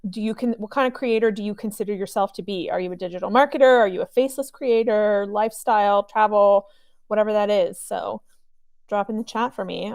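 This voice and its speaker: A woman hosting a live software training webinar, chatty and upbeat, with a cough drop in her mouth. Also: medium pitch, clear, resonant tone, no room sound, clean studio sound. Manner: chatty, upbeat, friendly with filler ums.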